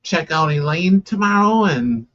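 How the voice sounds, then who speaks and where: A man hosting a casual live stream, tired and sleepy, talking slowly with lots of "yeah" fillers. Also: fairly high pitch, lo-fi sound. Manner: slow, relaxed, many "yeah" fillers, tired and yawning.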